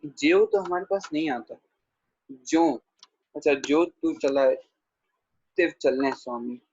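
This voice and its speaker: A man's voice: fairly high pitch, gravelly, a little mellow, slightly rough, dry recording. Fields: Sex: man. Role: grammar teacher. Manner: patient, repeats words. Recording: dull, dry, lo-fi. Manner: patient, repeats words slowly to model pronunciation, says 'theek hai' often; addresses students by name, answering their questions. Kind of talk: online pronunciation lesson.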